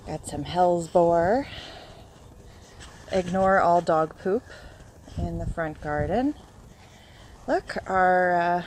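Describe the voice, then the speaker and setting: A woman's voice: medium pitch, darkish tone, slight background noise, poor audio. A woman walking through her yard and filming on her phone, chatty and a bit out of breath, naming her plants and sometimes unsure of them. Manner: chatty, listing plants as she walks, unsure of some names. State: a bit out of breath after a run. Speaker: home gardener. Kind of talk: casual garden walk-through video. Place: outdoors in a home yard and garden. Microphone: phone camera held while walking.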